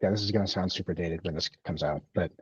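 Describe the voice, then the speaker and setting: On a dry, lo-fi mic with no room sound, a podcast co-host in his thirties rambles through a casual chat. His low voice has a breathy edge, and he talks fast, self-deprecating and full of fillers and restarts.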